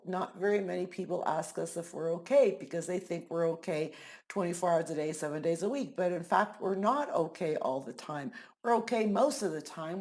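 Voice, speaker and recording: Woman, middle-aged, casual vlog talk, candid and blunt, low-pitched. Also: a little mellow. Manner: candid, frank, swears freely. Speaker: angel card reader. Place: living in Mexico.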